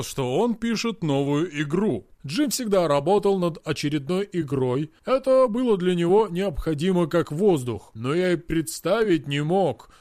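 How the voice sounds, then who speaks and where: A man voicing a calm older man who answers a reporter's questions in a measured, reflective way. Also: fairly high pitch, dry recording, clean studio sound. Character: calm older man, old friend of a famous designer.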